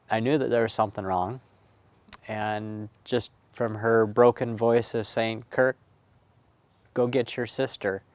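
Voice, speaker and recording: A middle-aged man recounting childhood memories in a recorded oral history, reflective and halting with many pauses and fillers. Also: on the low side, vocal fry, clean tone, no room sound. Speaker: family history storyteller.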